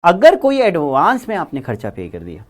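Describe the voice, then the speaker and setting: Animated male accounting teacher. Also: a little high, moderate pace. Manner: animated, repeats key words, chatty. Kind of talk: classroom lecture.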